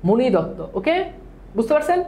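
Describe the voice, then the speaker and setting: A man with a very high-pitched, warm voice and a very animated delivery teaches an online exam-prep lecture. He drills questions and answers repeatedly, sprinkles English words into his speech, and admits he talks fast.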